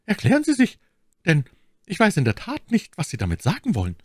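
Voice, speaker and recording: Man doing a scornful noblewoman in falsetto. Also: wildly swooping pitch, fairly quick, dry recording, clean studio sound, exaggerated voice. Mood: tense, demanding. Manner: cutting, mocking high falsetto. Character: cold scheming young noblewoman, cutting and scornful.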